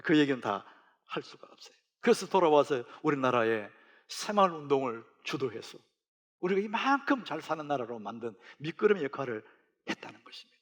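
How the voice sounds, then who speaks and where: A middle-aged senior pastor preaching a sermon, telling a story with rising emphasis. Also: male voice, on the high side, very animated, brisk.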